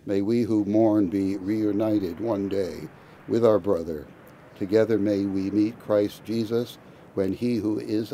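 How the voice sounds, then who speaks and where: A man, a priest, reciting committal prayers at a graveside in a measured, liturgical way. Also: fairly low pitch, dark tone, a little hiss or hum.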